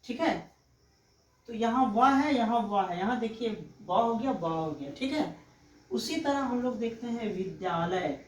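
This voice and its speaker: A woman teacher giving a slow, explanatory exam-prep lecture, often pausing to check that students follow. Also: on the high side, lively intonation, darkish tone. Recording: echoey room, mic far off.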